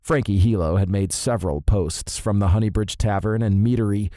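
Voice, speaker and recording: Guy reading an audiobook, wry and sardonic, low mellow voice, close studio mic. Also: no room sound. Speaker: audiobook narrator. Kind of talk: first-person audiobook narration. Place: recording studio.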